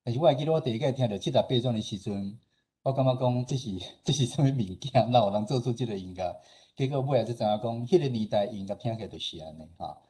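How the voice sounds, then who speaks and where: Here a radio station director and host talks fast in a warm, medium-pitched voice that is slightly rough. His Taiwanese accent colors an informal slide presentation delivered in an explanatory, conversational way. He often closes phrases with small particles seeking agreement.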